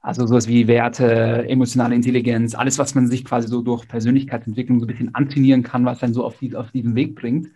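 A man's voice: mid-range voice, level tone, fast, few pauses, dark tone, husky. A man hosting a casual podcast conversation, reflective, hedging his words with many fillers.

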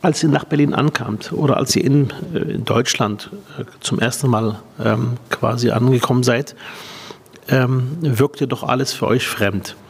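Male interviewer, gravelly voice, husky, hesitant with fillers, reverberant room. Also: mid-range voice, a little slow. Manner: hesitant, many fillers, gentle questions. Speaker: interviewer, party politician. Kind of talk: casual interview questions.

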